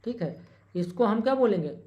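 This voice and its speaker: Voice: mid-range voice, animated, warm tone, muffled recording. Teacher repeating terms, quizzing the class. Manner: repeats key terms and asks rhetorical questions; corrects small slips with a quick "sorry". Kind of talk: exam-prep lecture at a board.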